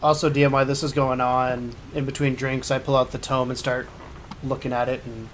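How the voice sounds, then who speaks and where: A man's voice: mid-range voice, level tone, a little fast, a little hiss or hum. A man chatting casually as a player in a tabletop role-playing game.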